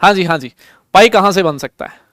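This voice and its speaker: Young male chemistry tutor, high and smooth voice, jokey live-class banter, dry close mic. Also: animated, fairly quick, a bit bright, dry recording. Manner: chatty, jokey, calls students beta. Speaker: chemistry teacher. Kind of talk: live online class with chat and polls.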